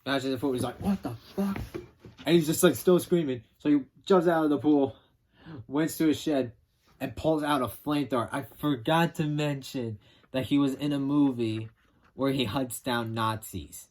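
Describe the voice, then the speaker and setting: A man casually retelling a film's plot as a reviewer, rambling and animated, acting out quotes with some swearing. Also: mid-range voice, moderate pace. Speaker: film reviewer.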